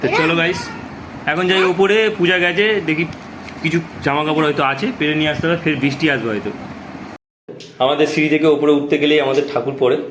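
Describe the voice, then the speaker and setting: A man's voice: fairly high pitch, fairly even intonation, quick pace, noisy background. A man hosting a casual family vlog, chatting to viewers and coaxing small children while walking around his home and rooftop. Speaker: vlogger.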